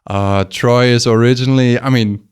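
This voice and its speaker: A man's voice: medium pitch, steady tone, normal speed, clear, resonant tone. A man hosting a podcast, introducing and questioning his guest in a friendly, laid-back way. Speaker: podcast host. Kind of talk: casual interview.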